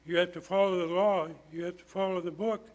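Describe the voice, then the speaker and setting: A man's voice: high-pitched, fairly even intonation, a little fast. A man preaching a sermon, quoting scripture and repeating key phrases with emphasis. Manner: quotes scripture with rising emphasis.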